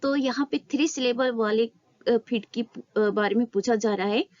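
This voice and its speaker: A woman teaching an exam-prep literature lesson, explaining in a Hindi-English mix, asking questions and answering them herself, and reading English statements slowly. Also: on the high side, darkish tone, dry recording. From India. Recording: slightly dull, dry sound.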